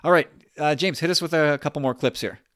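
A man's voice: a little high, fast talker, a bit bright, dry recording, studio quality. A man chatting casually as a podcast host. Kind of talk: casual chat.

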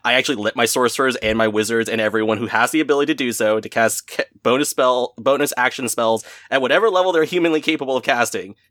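A man talks in a relaxed, meandering way, stumbling and restarting before he finds his point, with laughter never far off. His voice sits in an ordinary middle register. The sound is dry and close, with no room around it. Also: medium pitch, quick pace, hardly any pauses, no room sound. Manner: rambling, many restarts, laughs often. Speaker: guest game master. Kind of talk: casual podcast chat.

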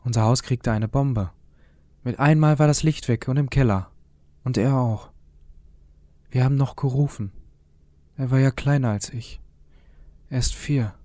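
A man voicing a small, frightened boy guarding the rubble, speaking softly and haltingly in an audiobook reading. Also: mid-range voice, dry recording, voice pushed up, natural voice. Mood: worried. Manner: soft, halting, childlike.

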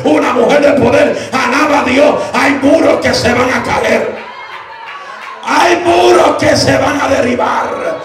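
High-voiced shouting preacher in an echoey church. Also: male voice. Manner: swings from hushed storytelling to shouted exhortation. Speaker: pastor. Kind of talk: fervent preaching testimony. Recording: echoey church hall with music underneath.

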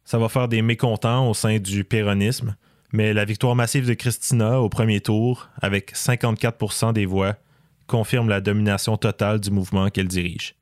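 A man delivering scripted documentary narration in a measured, explanatory way. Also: fairly low pitch, flat delivery, dry recording, clean studio sound. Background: faint music.

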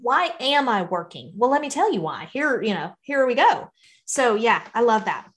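A woman with a fairly high voice speaks as an interview guest. She is earnest and encouraging, and talks in a loose, conversational way. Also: very animated, normal speed. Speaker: podcast guest, financial educator for parents.

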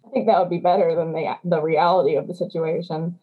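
A woman's voice: fairly low pitch, flat delivery, fast, husky, narrow, tinny audio. A woman speaking as a knowledgeable guest on a music podcast, amused and matter-of-fact. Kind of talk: casual music podcast chat.

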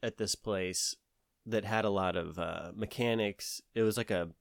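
A man's voice: fairly low pitch, unhurried, gravelly, no room sound, studio quality. A man from the American South with a Southern accent, telling a long story in casual conversation, rambling with many fillers and restarts.

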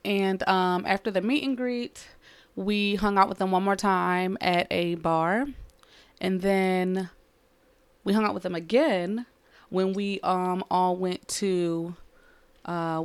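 A woman's voice: fairly low pitch, fairly even intonation, slow pace, clear, resonant tone, no echo. A woman co-hosting a podcast at home, telling a rambling story in casual chat. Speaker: podcast co-host.

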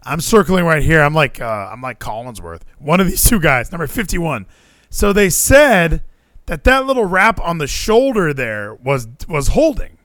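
A man's voice: fairly high pitch, very animated, normal speed, a bit bright, no room sound. A man co-hosting a podcast, chatting casually and animatedly about a football game, with a lot of fillers and swearing. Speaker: podcast co-host. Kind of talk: casual sports chat.

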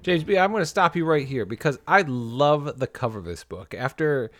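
A man recapping comic plots for a podcast with a wry, critical edge. His pitch moves a lot while he talks. The sound is dry, with no room echo. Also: lively intonation, normal speed, fairly bright tone, faint music behind. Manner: summarizes plot, wry and critical. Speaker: podcast co-host. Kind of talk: casual comic book discussion.

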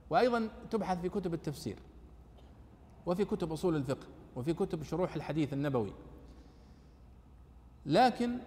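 A man's voice: fairly high pitch, darkish tone, in a large hall, a little hiss or hum. A man giving a classroom lecture on exegesis, asking and answering his own questions.

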